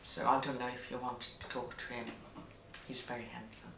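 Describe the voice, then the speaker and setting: A middle-aged interpreter appearing in a documentary speaks in a deep, fairly bright voice with some vocal fry, keeping a level tone at a moderate pace. Not a native English speaker, she comes from a non-English-speaking country outside the UK and reflects candidly and unhurriedly, hunting for words and repeating some. The echoey room carries a background hiss.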